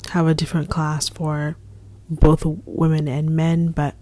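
A young woman speaks as a ministry leader in a casual devotional talk, slow and earnest, repeating her points. Her voice sits a little low and sounds mellow. She often slips into a soft, half-whispered delivery. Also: level tone, no room sound. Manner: earnest, repetitive, soft-spoken with whispery stretches.

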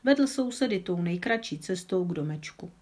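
A woman calmly reading a children's story aloud, with an occasional small slip of the tongue. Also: fairly low pitch. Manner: calm, with small slips.

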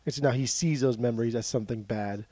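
A man's voice: mid-range voice, fast, dark tone, no echo. A man co-hosting a casual music podcast, talking in an easygoing, reflective way. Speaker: podcast co-host.

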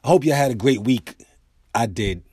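An American comedian hosts his own podcast, telling comic stories in a loose, animated monologue and acting out the voices of people he quotes. His medium-pitched voice is slightly rough and moves at normal speed. The audio is studio quality with no room sound.

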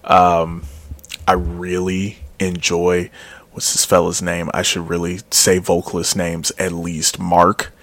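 A man's voice: deep voice, monotone, takes it slowly, a bit bright. A man giving a casual, rambling spoken review of a metal album, often correcting himself and trailing off into mumbles.

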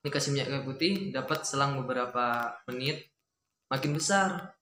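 A young man telling a ghost story from his childhood in a quiet, rambling, casual way, acting out what his family said. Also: mid-range voice, normal speed. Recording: echoey room with faint noise.

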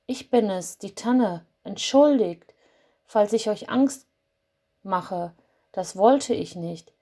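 A woman voicing a gentle, timid young fir tree that speaks softly and apologetically in a storybook. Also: mid-range voice, animated, takes it slowly. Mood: apologetic. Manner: soft, apologetic.

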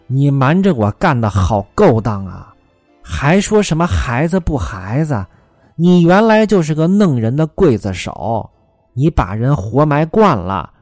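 A heartbroken young servant woman, as a male storyteller puts her on, wailing and lashing out in sharp, lifted outbursts. Her voice swings widely in pitch. The recording is dry and close, with faint music underneath. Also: dry recording.

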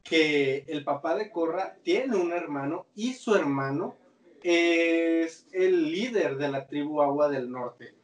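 A man with a Mexican Spanish accent chats loosely on a podcast, full of slang and restarts. His voice sits a bit high. He sounds set back from the microphone in a roomy space. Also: takes it slowly, recorded from a distance. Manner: slangy, rambling, restarts often. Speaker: podcast co-host. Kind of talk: casual chat about a cartoon series.

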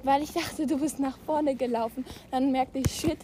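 A teenage vlogger with a high voice, fairly even intonation and moderate pace chats with a friend outdoors in a park. Breathless and argumentative, she bickers and also talks to her viewers, on a phone recording picking up park noise.

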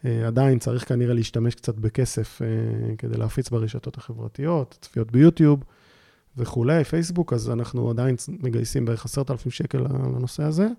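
Gravelly dark-voiced man, halting speech. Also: mid-range voice, fairly even intonation, dry recording, clean studio sound. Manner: halting, pauses often to search for words. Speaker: podcast guest, memorial project organizer. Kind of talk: casual conversation.

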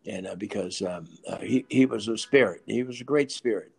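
A man's voice: fairly low pitch, brisk, vocal fry, breathy edge. An older man, an author and poet, telling stories in a casual interview, repeating himself and laughing often.

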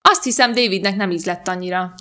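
A woman reading aloud and voicing a cheerful, pushy young woman who talks eagerly and calls out loudly. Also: mid-range voice, natural voice.

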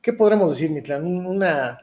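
A Mexican man in his thirties with a notably high voice hosts a casual podcast. He talks in loose street slang, rambling and tagging his sentences with little checks for agreement. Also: expressive, a little fast, a little mellow, a little hiss or hum. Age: 30s. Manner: rambling, keeps seeking agreement with tag questions. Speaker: podcast host.

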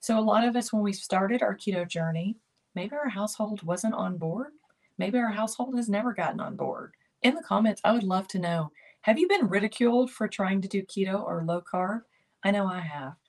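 Older woman host with a gravelly edge, upbeat coaching delivery. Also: mid-range voice, a little fast, a little mellow. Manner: encouraging, repetitive coaching phrases. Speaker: host of a keto lifestyle channel. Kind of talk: motivational talk to camera.

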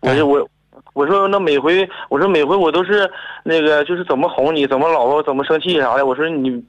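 A man's voice: a little high, a little fast. A man, calling into a radio show and hesitantly stammering through his story. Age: 20s. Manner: hesitant, stammering, restarts often. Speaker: caller. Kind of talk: call-in conversation. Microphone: phone. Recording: dull phone-line audio.

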